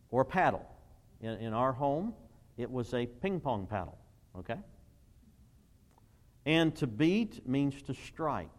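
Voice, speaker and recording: Emphatic preacher man in a reverberant hall. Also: lowish voice. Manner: emphatic preaching, swells to loud bursts, reads scripture aloud. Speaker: pastor. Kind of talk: sermon. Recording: long reverb of a large church hall.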